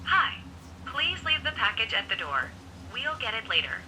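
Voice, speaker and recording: A woman's voice: fairly high pitch, moderate pace. A woman giving a polite recorded message, played from a doorbell speaker. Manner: polite, lively recorded announcement. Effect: preset message from a doorbell speaker. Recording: distant tinny speaker playback with noise.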